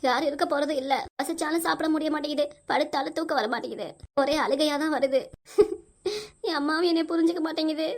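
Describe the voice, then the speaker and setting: A woman doing a lonely, tearful cartoon wife. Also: high-pitched. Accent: Tirunelveli Tamil. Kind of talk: cartoon comedy voice acting.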